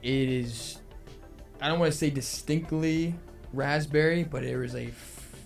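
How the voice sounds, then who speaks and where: A man with a creaky, gravelly voice talks casually through a review. He feels his way through sentences and often corrects himself. Faint music plays behind him. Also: mid-range voice, a little slow. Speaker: pipe tobacco reviewer.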